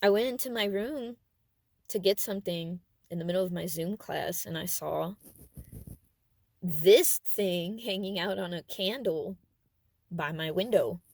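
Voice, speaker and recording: A young adult woman vlogger telling a personal story in a casual, rambling, fond way, with animated emphasis and trailing asides. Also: on the low side, a little slow, dry recording.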